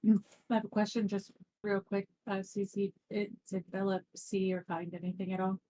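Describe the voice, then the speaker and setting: A woman's voice: mid-range voice, level tone, normal speed, warm tone, rough recording. A woman talking casually as a player in a tabletop role-playing game. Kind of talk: casual chat. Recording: clear background noise, clicks.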